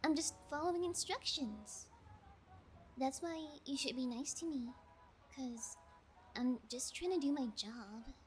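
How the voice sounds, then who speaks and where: In an ASMR audio roleplay, a high-voiced woman acts as a callous yangire kidnapper, a bullying sociopath who is playfully menacing. She sounds playful and smug, taunting nonchalantly in a slow, deliberate way, with a slight hiss or hum on the audio.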